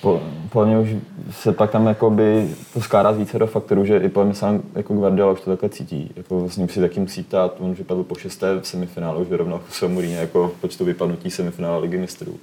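Low flat-voiced guy rambling about football refs, casual pundit chat. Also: few pauses. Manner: colloquial, loose rambling phrasing.

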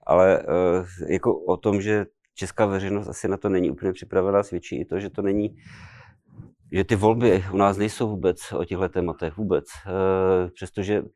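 A man's voice: low-pitched, fairly even intonation, a little mellow, no room sound, clean studio sound. A man hosting a regular political discussion, speaking informally in loosely phrased sentences. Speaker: host.

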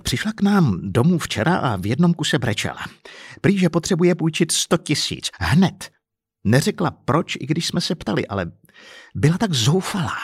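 A man voicing an indignant middle-aged husband who rants and shouts crudely about being cheated, in an audiobook story. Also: mid-range voice, big pitch swings, husky, no room sound, clean studio sound. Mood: furious ranting. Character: furious middle-aged man, swindled family.

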